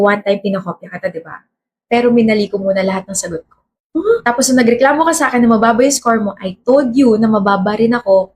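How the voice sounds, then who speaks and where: A young Filipina woman, confessing in a deadpan way in a comedy skit. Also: a little high, rough recording.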